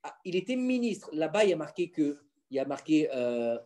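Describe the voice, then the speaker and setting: A fairly high-voiced man teaching his children at home. He talks in an animated, insistent way, keeps firing questions at them and holds the floor. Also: a little fast. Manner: animated, quizzing listeners with questions. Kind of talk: casual Torah lesson at home.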